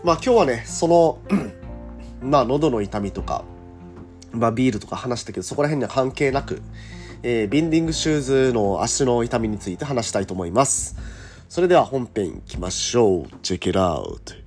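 A man with a scratchy, hoarse throat from a cold, speaking as the host of a casual morning radio monologue in a chatty, polite way. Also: medium pitch, expressive, a little fast, a little mellow, faint music behind. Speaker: radio host and cycling tour guide.

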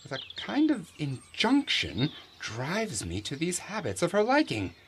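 A man's voice: a little high, huge pitch swings, a little slow, slight background noise, heavily acted. An actor playing a pompous, self-deluded male steward who reads aloud in a preening, theatrical way. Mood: gloating. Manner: preening, savoring each word, theatrical swoops. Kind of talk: amateur reading of a classic stage play.

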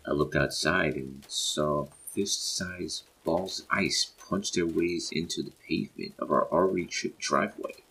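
A man narrating a horror story in a measured storytelling manner. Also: sits low, creaky, pushed and bright, breathy edge.

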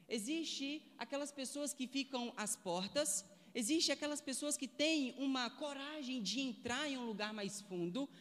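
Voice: mid-range voice, a bit bright, in a large hall. A preacher giving a sermon, asking the listeners one rhetorical question after another.

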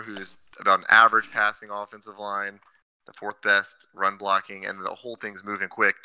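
A man's voice: lowish voice, bright, forceful tone, smooth, no echo, low-quality recording. A man co-hosting a casual sports podcast, laying out his picks with stats and reasons. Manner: analytical, cites stats. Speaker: podcast co-host.

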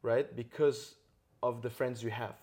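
Unhurried and fairly even in intonation, a man with a medium-pitched, darkish voice hosts a podcast interview. He sets out ideas earnestly while often checking in with tag questions.

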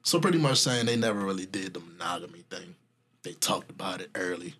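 A man with a husky voice chatting casually in laid-back, slangy frat-bro banter, swearing freely. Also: low voice, brisk, fairly bright tone. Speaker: podcast co-host.

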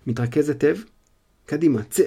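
A man voicing a calm, kind male teacher in a spoken storybook reading. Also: a little high, husky, voice pushed up. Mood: gentle.

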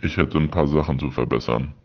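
A man in his thirties leaving a deadpan answering machine message as a listener caller, reading out punctuation marks. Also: very deep voice, a little fast. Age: 30s. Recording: dull lo-fi voicemail recording.

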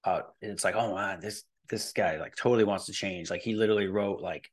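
This fitness and nutrition coach, a podcast guest in his early forties, has a lowish voice and a brisk pace. Being interviewed, he rambles through his explanations in a relaxed, informal manner.

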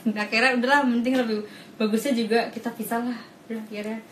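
Woman co-host, animated storyteller, a bit high-pitched, echoey room. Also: fast. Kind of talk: casual podcast chat. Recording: roomy echo, faint noise.

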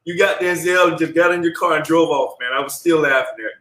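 A man's voice: a little high, a bit bright. Teasing man in an echoey room. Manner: teasing, laughs while telling, drawn-out delivery. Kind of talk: casual chat.

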